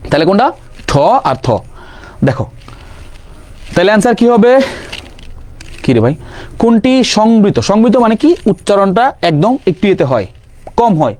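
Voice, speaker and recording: A young man teaching grammar for an exam-prep class, firing quick questions and answering them himself, casually mixing in English words. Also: high-pitched, big pitch swings, darkish tone. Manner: quizzing with rapid questions and self-answers. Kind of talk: online exam-prep lesson.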